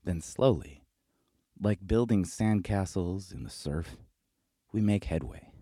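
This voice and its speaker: Low husky male narrator. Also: lively intonation, dark tone, no room sound, clean studio sound. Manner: measured, reflective explaining. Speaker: video essay narrator. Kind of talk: scripted narration.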